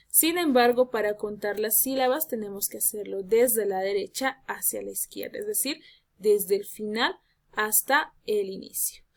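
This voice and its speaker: A woman teacher giving a lesson, speaking slowly and emphatically and drawing out her example words. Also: on the high side. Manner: addresses students as "jóvenes". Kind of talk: classroom lesson.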